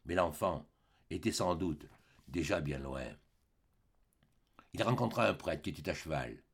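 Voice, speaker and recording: A man reading a classic novel aloud as an audiobook narrator, with an expressive, dramatic delivery. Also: extremely low pitch, unhurried, breathy edge. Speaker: audiobook reader. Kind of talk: scripted narration.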